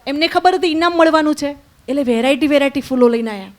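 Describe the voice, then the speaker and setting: High-voiced woman teaching children. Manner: slow call-and-repeat blessings, then lively storytelling with questions to the children. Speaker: spiritual teacher at a children's summer camp. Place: indoor camp hall with children.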